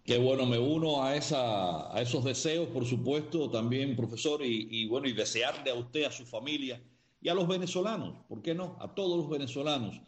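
Rambling radio co-host in a roomy studio. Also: male voice, mid-range voice, expressive. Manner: rambling, halting questions. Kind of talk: radio interview questions.

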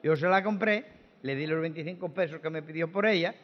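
A man's voice: fairly high pitch, brisk, natural voice. A man playing a befuddled Cuban mail carrier in a radio comedy, plaintive and rambling. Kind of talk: 1940s radio comedy acting. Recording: dull old radio recording with long reverb.

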